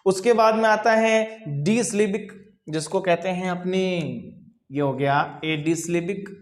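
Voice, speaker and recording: A man gives a classroom lecture, repeating each definition slowly and putting questions to the class before answering them himself. He talks at an unhurried pace, and the room around him is roomy and echoey. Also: sits high. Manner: repeats key phrases slowly, asks and answers own questions. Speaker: coaching teacher. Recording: roomy echo.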